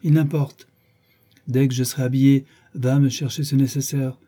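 A man's voice: mid-range voice, little pitch movement, normal speed, dark tone, breathy edge, natural voice. A man reading as a curt, bitter young marquis. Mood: cold.

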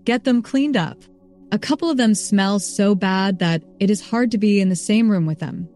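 A woman's voice: mid-range voice, normal speed, darkish tone, soft background music, lightly acted. A woman reading as a firm, commanding lord. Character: stern but kind man, a knight-like lord.

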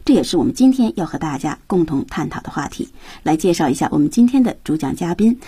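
A woman's voice: low voice, sing-song, quick pace, warm tone, breathy edge. A woman hosting a radio English lesson, introducing guests and moving easily between two languages. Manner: bilingual, switches between her own language and English. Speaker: radio program host. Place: radio studio.

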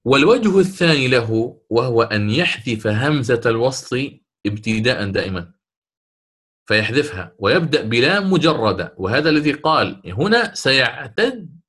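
A man, a sheikh, explaining a recitation poem in a lesson, chanting the verses slowly and checking his listeners with quick questions. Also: mid-range voice, sing-song, a bit bright, husky. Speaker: sheikh teaching Quranic recitation.

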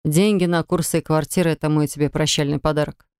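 A woman reading the lines of a calm, decisive husband in an audiobook, matter-of-fact. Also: sits low, fast talker, smooth, dry recording, studio quality, natural voice. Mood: firm. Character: cool, decisive husband, grown man. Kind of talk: audiobook character voice.

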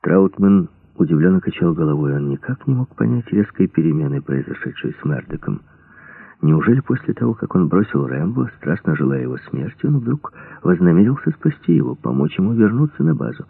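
Man, very deep voice, husky, audiobook narration, steady, tinny narrow sound. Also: brisk, no room sound. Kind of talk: scripted narration.

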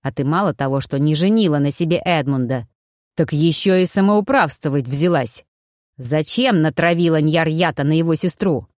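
Женщина изображает резкий злодей-аристократ. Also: female voice, low voice, moderate pace, darkish tone, no echo, studio quality, lightly acted. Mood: scolding. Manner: curt, scolding, snapping. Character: scheming male nobleman impostor, harsh and commanding.

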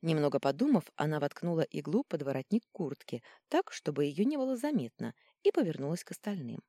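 A woman narrating a fantasy audiobook in an expressive storytelling manner. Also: deep voice, fairly quick, no echo, studio quality. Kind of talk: scripted narration.

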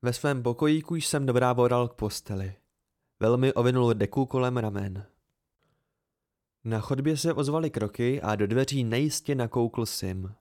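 A man gives a measured first-person audiobook narration with an amateur touch. His voice sits at an ordinary middle pitch. He tells the story in an even, steady way. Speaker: audiobook reader.

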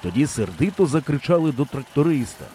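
A man narrating an audiobook in an expressive storytelling manner. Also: fairly high pitch, fairly quick, slight background noise. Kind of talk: scripted narration.

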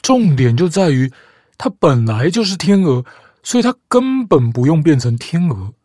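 In a clean studio recording with no room sound, a woman with a low-pitched, dark voice speaks very animatedly at moderate pace. As host of a comic storytelling show, she argues through scripted lecture-style points that end in rhetorical questions, backed by music.

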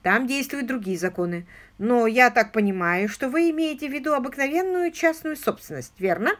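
A woman voicing a measured older male lawyer in an audiobook, explaining carefully and qualifying what he says. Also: on the high side, lively intonation, voice pushed up, close to an everyday voice. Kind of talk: audiobook character reading.

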